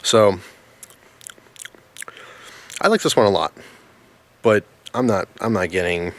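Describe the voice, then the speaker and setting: A man with a notably deep voice talks through a casual review outdoors. His delivery is informal and halting, wandering from one thought to the next as he goes. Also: creaky. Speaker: pipe tobacco reviewer. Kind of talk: casual product review vlog. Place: outdoors in the snow in winter.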